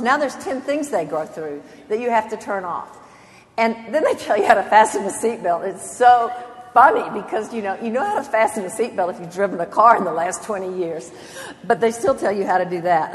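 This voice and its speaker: Older woman giving an earnest devotional talk. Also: fairly high pitch. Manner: earnest, emphatic, swells and drops in loudness. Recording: long hall reverb.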